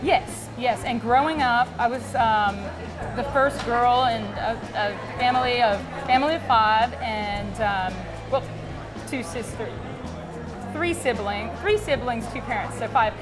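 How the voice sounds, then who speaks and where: Interviewed at a crowded art show with music and people in the background, this Dallas gallery owner, whose first language is Greek, talks chattily through her background with frequent ums and restarts. Her voice sits on the high side and is a little slow.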